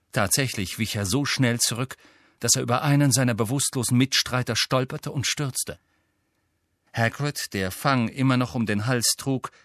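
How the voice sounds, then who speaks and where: A man reading a novel aloud with steady, even storytelling. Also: medium pitch, no echo, clean studio sound. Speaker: audiobook narrator. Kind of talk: scripted narration.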